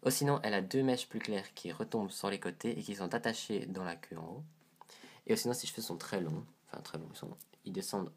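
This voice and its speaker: This lowish-voiced man is stuffed up with a head cold as he talks to camera about a doll. He handles it while pointing out details in a relaxed, somewhat hesitant manner.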